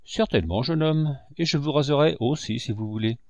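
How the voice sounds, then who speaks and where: A man's voice: medium pitch, brisk, darkish tone, no room sound, lo-fi sound, voice pushed up, close to an everyday voice. A man voicing a jovial, boastful middle-aged barber who is also a musician, speaking in an exuberant, declamatory way. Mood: courteous. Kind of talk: audiobook character voice.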